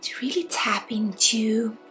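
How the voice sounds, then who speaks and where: Faint music accompanies a spiritual healer and ASMR host from Sweden as she takes listeners through an energy healing at a very leisurely pace. She has a Swedish accent, and her soft, fairly high-pitched voice often drops to a crackly-edged whisper.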